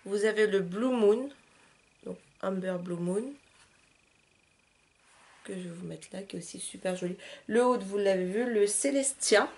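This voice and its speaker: A woman's voice: mid-range voice, measured pace, long pauses, darkish tone. Chatty woman talking through her makeup. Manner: chatty, loose, with frequent "euh", "hop" and "voilà". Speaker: beauty vlogger. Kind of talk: casual makeup tutorial chat.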